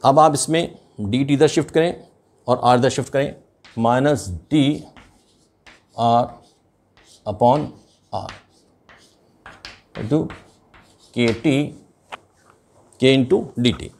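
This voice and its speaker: A man's voice: mid-range voice, darkish tone. An older man with an Indian accent, teaching a chemistry lesson at a board and switching between Hindi and English. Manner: slow, deliberate, mixes Hindi and English. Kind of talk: explaining at a board.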